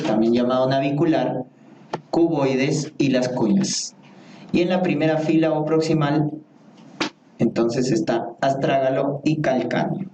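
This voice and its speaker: A man's voice: on the high side, noisy background. A man teaching an anatomy class, repeating each term and asking the students questions. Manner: slow, repeats key terms, asks the class questions. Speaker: anatomy lecturer. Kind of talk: medical anatomy lecture. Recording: echoey room, voice from far off.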